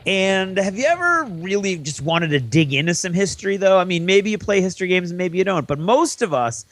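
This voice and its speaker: High-pitched, animated male co-host. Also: a little fast, dry recording. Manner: playful, wry. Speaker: podcast co-host. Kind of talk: casual podcast banter.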